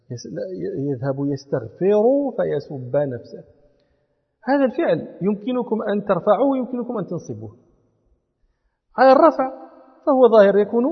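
A man's voice: high voice, creaky, slightly rough. A man teaching a class on religious law and grammar, explaining step by step and quizzing his students. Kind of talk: classroom lecture. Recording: lo-fi recording in a reverberant hall.

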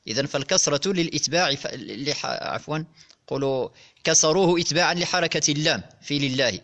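A man with a slightly high, fairly bright voice teaches classical grammar to his students, explaining methodically. He repeats and spells out examples and addresses his listeners directly.

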